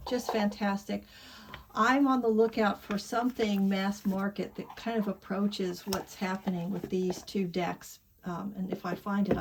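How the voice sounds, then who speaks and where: A woman chatting to her camera as a tarot vlogger, candid and a little rambling. Her voice sits at an ordinary middle pitch. She drifts between thoughts and lets some lines trail off softly. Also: noisy background. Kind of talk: casual chat.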